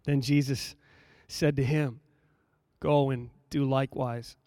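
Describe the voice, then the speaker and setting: A man preaching a sermon, reading scripture aloud and explaining it in a measured, emphatic way, repeating phrases for effect. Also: medium pitch, level tone, mellow, no echo, clean studio sound.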